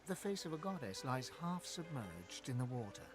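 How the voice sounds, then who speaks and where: A man playing a solemn, poetic storyteller, narrating a fantasy video game in a measured, literary way. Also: mid-range voice, big pitch swings, over music, natural voice.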